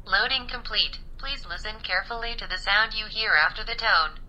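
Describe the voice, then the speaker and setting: A woman voicing an automated female diagnostic system, speaking in flat, scripted machine announcements like a program starting up over a phone line. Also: medium pitch, moderate pace, faint music behind. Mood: mechanical.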